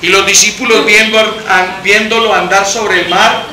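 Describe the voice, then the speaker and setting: A man's voice: high voice, fairly even intonation, a little slow, heavy background noise. A man leading a Bible study, reading scripture dramatically and asking the congregation questions. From Colombia. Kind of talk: church Bible study teaching. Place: church hall. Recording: echoey church hall.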